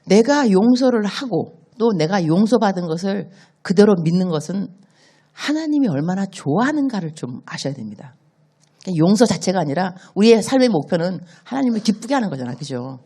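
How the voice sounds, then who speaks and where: In a church, a woman missionary preaches a sermon with animated storytelling, acting out the dialogue. Her voice is medium-pitched and fairly quick, with a breathy edge.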